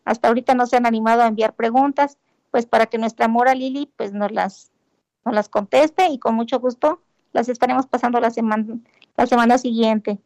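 A woman's voice: a little high, steady tone, a little fast, a little mellow, no room sound. A woman hosting a community radio show, thanking guests and staff with many filler words. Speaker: radio host.

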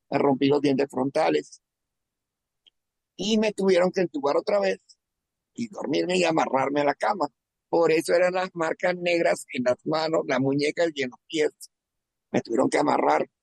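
Man, from Venezuela, gravelly husky voice, halting emotional testimony, repeats words. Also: on the high side, a little mellow, no room sound. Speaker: testimony speaker. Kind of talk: personal testimony.

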